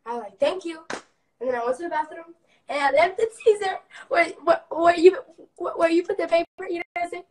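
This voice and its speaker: A high-voiced young woman tells a story on a livestream, brash and full of swearing. The sound is a little distant from the mic, like a phone set back from her. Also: quick pace. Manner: brash, profane, animated storytelling. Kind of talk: casual storytelling.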